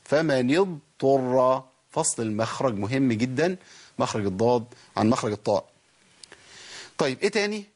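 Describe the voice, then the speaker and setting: In this tajweed lesson, a man with an Egyptian Arabic accent teaches Quran recitation, explaining each rule and posing questions he then answers himself. His medium-pitched voice is darkish with a breathy edge, very animated and fairly quick, broken by long pauses.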